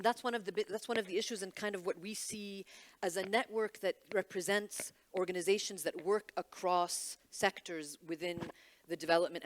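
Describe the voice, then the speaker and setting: Candid woman from Egypt on a panel. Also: on the low side. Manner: candid, wry, many restarts and fillers. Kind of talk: panel discussion.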